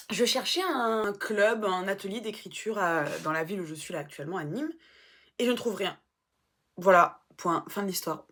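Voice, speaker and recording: A woman vlogger in casual chat, animated and self-mocking, swearing now and then. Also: medium pitch.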